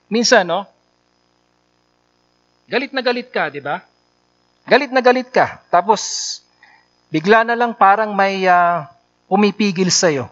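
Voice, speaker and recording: A man's voice: high voice, fairly bright tone. A male pastor preaching a sermon in a conversational way, often checking in with his listeners through short tag questions. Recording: dull lo-fi sound.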